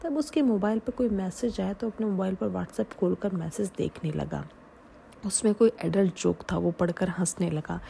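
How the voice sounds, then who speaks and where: A woman reading a scripted story aloud, often sinking into a soft whisper. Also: medium pitch, normal speed, vocal fry, a little hiss or hum. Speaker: story narrator.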